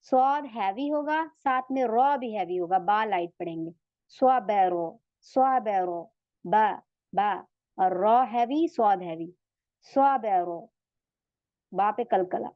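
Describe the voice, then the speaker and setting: Woman, Urdu accent, recitation teacher; slow deliberate lesson delivery, dry dull lo-fi sound. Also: on the high side, expressive, no room sound. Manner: patient, repeats example words slowly. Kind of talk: slow step-by-step tajweed lesson.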